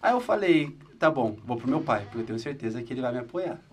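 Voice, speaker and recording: A man's voice: medium pitch, fast, recorded from a distance. A man in his twenties telling a story in a casual chat, acting out quoted voices. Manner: animated storyteller, acts out quotes. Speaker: podcast guest.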